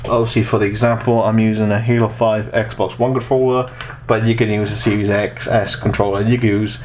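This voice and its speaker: Recording indoors in a small home room with noticeable background noise, this tech tutorial host, a man in his twenties, speaks fairly fast with a fairly low, flat, somewhat dark voice. He explains things step by step in a casual, rambling way, frequently repeating his phrases.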